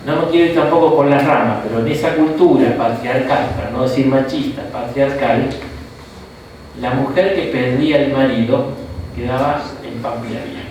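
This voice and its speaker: In an echoey room with a distant mic and faint hiss or hum, an Argentine bishop gives a laid-back Bible lesson. He speaks at a normal pace with medium pitch, checking in with listeners through "¿no?" and "¿tá?" and adding short asides.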